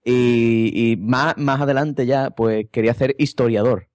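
A man's voice: mid-range voice, fairly even intonation, measured pace, a little mellow, no room sound, clean studio sound. Man telling jokey stories. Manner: jokey anecdote teller. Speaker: podcast co-host. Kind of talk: casual chat.

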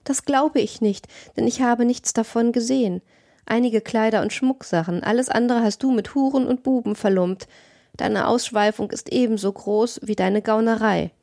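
A woman's voice: a little high, normal speed, mellow, no echo, studio quality, lightly acted. A woman voicing an indignant, reproachful young woman accomplice in an audiobook reading.

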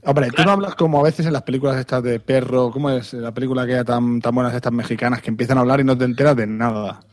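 A man's voice: medium pitch, fairly even intonation, fast talker, a little mellow. A man with a Spanish accent, co-hosting a podcast in casual, teasing chat about how people speak. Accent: Spanish (Spain). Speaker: podcast co-host.

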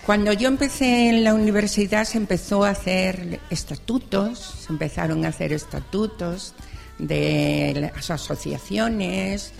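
An older audience member from Extremadura, Spain, a senior university student, shares her story spontaneously at a public event using a handheld mic that gets passed around. Her gravelly, medium-pitched voice runs a little slow as she repeats phrases in an earnest, chatty way. There's reverb from the hall and faint music.

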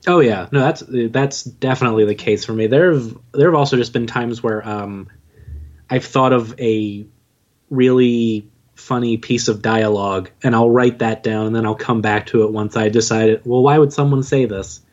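A joking man, a podcast guest who writes and narrates audio dramas, chats casually in an interview. His mid-range voice is steady, a little mellow, and moderately paced, and the lo-fi recording sounds dull.

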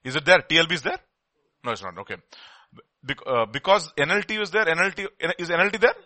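Indian guy preaching n reading scripture, really sharp bright voice, a bit high, emphatic, repeats himself. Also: quick pace, no echo. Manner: emphatic, repeats phrases and poses questions to listeners.

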